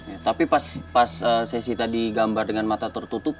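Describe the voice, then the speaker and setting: A man's voice: fairly low pitch, little pitch movement, brisk, recorded from a distance, faint music behind. A man with an Indonesian accent hosting a casual chat in an abandoned factory, prompting his guests with short fillers. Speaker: host.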